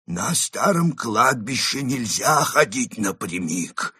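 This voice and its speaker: A man's voice: medium pitch, big pitch swings, slow pace, pushed and bright, husky, dry recording, clean studio sound, pitched above the performer's own voice, full character voice. A man voicing a fussy, nervous ghost wolf who lectures and warns, in a storybook reading. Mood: fussy warning. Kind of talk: audiobook character reading.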